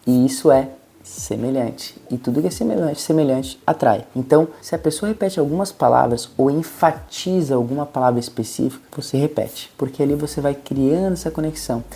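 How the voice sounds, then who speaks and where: A man's voice: mid-range voice, brisk, vocal fry, mellow. A man with a Brazilian Portuguese accent, giving a patient, step-by-step lesson as a communication coach. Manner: patient, encouraging, explains step by step. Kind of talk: instructional talk to camera.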